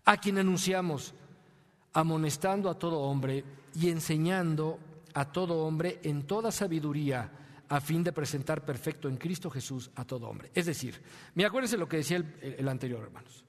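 Mexican pastor preaching in a reverberant hall. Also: male voice, a little fast. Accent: Mexican Spanish. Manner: preaching with rhetorical questions and sudden drops to a soft, low voice. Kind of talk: sermon.

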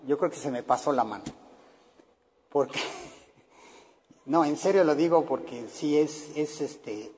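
A man's voice: fairly high pitch, mellow, long reverb tail. A middle-aged man with a Mexican accent, preaching earnestly to parents, with many fillers. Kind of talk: sermon to parents.

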